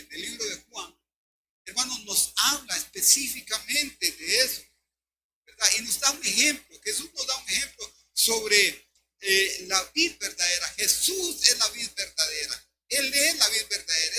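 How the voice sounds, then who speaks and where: An older man, preaching an emphatic sermon as pastor and often calling his listeners brother. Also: sits high. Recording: noisy recording with steady hum.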